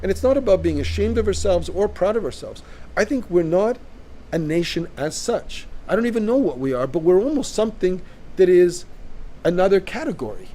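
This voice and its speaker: A man's voice: high-pitched, very animated, a little fast, warm tone, slight background noise. Emphatic man arguing in casual chat. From Canada. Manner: emphatic, interjects with repeated "right?". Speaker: co-host. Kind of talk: casual discussion.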